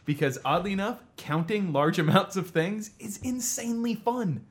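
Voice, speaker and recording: A man's voice: sits high, normal speed. A man co-hosting a casual math podcast, explaining at length, teasing the others and laughing often. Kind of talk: casual panel chat about math.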